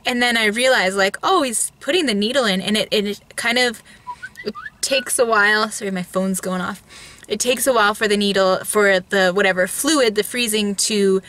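A woman in her thirties speaks casually to her viewers with a bright, crisp-edged voice and an average pitch. Her mouth is still numb from dental freezing as she chats from the seat of a parked car. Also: steady tone, normal speed, a little hiss or hum. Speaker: vlogger. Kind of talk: casual chat to camera. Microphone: camera at arm's length.

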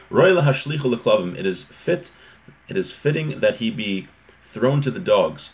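This is a man, likely in his thirties or forties, whose voice sits on the low side and has a gravelly texture. As a religious teacher, he reads and explains during a casual lesson indoors in a small home room, repeatedly restating his ideas in new words.

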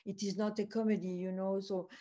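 A woman's voice: mid-range voice, flat delivery, mellow. A woman film producer with a French accent, speaking non-native English in a festival Q&A, hesitating often as she searches for words. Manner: halting, searching for English words, many uhs. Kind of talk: festival Q&A conversation.

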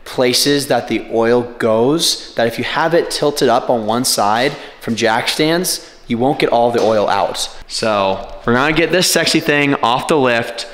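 A man in his twenties with an American accent, chatting casually to camera in a raspy voice, hoarse from a lingering cold. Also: mid-range voice, measured pace, fairly bright tone. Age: 20s. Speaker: car vlogger. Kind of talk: casual vlog chat to camera. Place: outdoors, in a car and in a large garage workshop. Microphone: handheld camera at arm's length. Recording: noisy vlog audio with car ambience.

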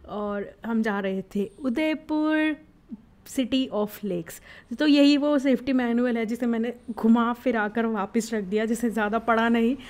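A young woman narrating her first flight as a travel vlogger, excited and reflective, mixing in English words. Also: on the high side.

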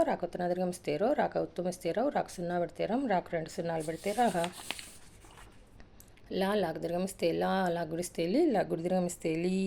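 A woman teacher rapidly reciting an alphabet drill in a sing-song rhythm, adding brief asides about writing the letters. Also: fairly low pitch, vocal fry, warm tone. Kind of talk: reciting a Telugu alphabet lesson.

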